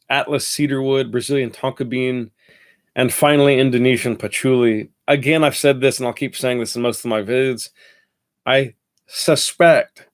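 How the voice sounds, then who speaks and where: A man reviews fragrances casually, his medium-pitched voice nasal and stuffed up from a head cold. He wanders off track and keeps correcting himself.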